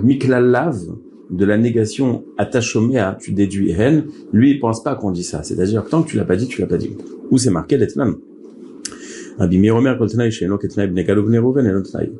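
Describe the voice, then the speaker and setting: A man's voice: fairly low pitch, vocal fry, background noise. A man teaching a daily Talmud class, explaining step by step and mixing Hebrew and Aramaic terms into his speech.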